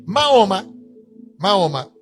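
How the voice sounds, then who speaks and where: A male pastor preaching a church sermon, emphatic, rising at times to shouts. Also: high voice, big pitch swings, slow, faint music behind.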